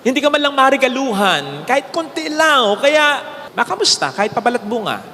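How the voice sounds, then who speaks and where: Filipino priest preaching, very high voice, lively storyteller, long church reverb, faint hiss. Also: male voice, fairly quick. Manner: animated storytelling, swinging from high exclaims to low hushed lines. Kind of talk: homily. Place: large church.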